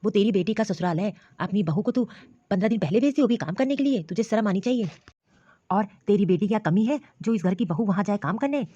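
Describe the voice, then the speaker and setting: A woman's voice: medium pitch, expressive, fast talker, mellow, no room sound, lightly acted. A woman voicing a stern but caring elderly father-in-law in a cartoon story, scolding and commanding. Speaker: cartoon voice actor. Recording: dull lo-fi dry recording.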